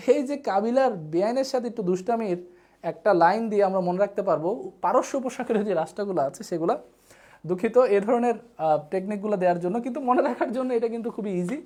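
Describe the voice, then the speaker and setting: A woman's mellow, mid-range voice carries a live online geography lesson. As the tutor, she regularly checks her students' understanding and gives them fun memory tricks.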